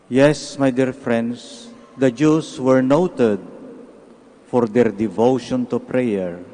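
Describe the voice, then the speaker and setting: A priest speaking in a large church, his words unhurried and deliberate. Every phrase trails off into a long cathedral echo. He delivers the gospel reading and homily with careful, measured pacing. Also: mid-range voice, mellow. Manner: slow, measured preaching.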